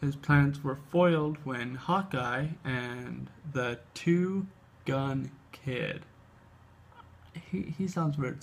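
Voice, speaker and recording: Slow-reading man stumbling over an overbite. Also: medium pitch, creaky. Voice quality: slight speech impediment from an overbite, tongue flicking at upper lip. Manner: halting reading, stumbles and repeats words. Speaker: host of a comic book talk show. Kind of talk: reading a character biography aloud with casual asides.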